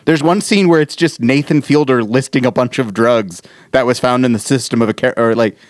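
A man's voice: mid-range voice, fairly quick, no echo, studio quality. A man co-hosting a podcast in casual chat, rambling and laughing as he talks, with some swearing. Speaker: podcast co-host.

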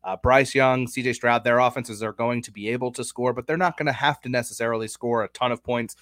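A man's voice: medium pitch, fairly even intonation, fairly quick, a bit bright, dry recording, studio quality. A young man hosting a casual sports betting chat, talking through stats and odds analytically. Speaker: sports betting podcast host.

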